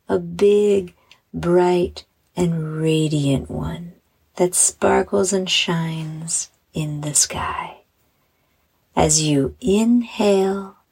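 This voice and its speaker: A woman narrates a bedtime meditation in the manner of a sleep story narrator. Her voice is very breathy and fairly low, with some creak at the edges. She is soothing and gentle, letting phrases trail softly. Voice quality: breathy, soft. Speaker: host and meditation guide.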